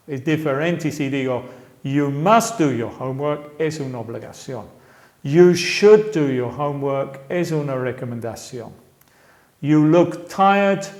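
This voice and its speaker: Male language teacher, slightly high voice, slow and careful, repeats examples, echoey room. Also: a little mellow. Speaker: English teacher. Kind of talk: language lesson explaining grammar.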